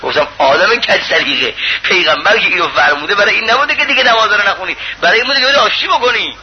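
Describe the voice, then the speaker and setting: A man preaching a sermon in an impassioned, pleading way, swinging between loud appeals and hushed lines. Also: sits high, animated. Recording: muffled lo-fi recording with faint hiss.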